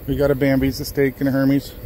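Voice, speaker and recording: A man's voice: mid-range voice, fast, a little hiss or hum. Easygoing man vlogging farm chores. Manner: relaxed, rambling, lots of fillers. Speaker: vlog host filming his farm. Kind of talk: casual chat while doing chores. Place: outdoors on a ranch among chickens and cows.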